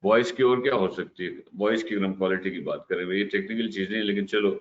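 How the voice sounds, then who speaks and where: A man teaching a lesson on communication, explaining slowly and mixing English terms into his speech, often checking in with "ठीक है". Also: sits low. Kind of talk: lecture on communication. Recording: slightly dull recording with faint hiss.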